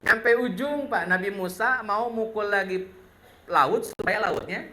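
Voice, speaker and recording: Man, preacher, sermon, joking storyteller, slightly high voice, faint background hum. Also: measured pace. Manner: humorous storytelling, keeps addressing the listeners directly. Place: mosque hall. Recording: echoey mosque hall with faint noise.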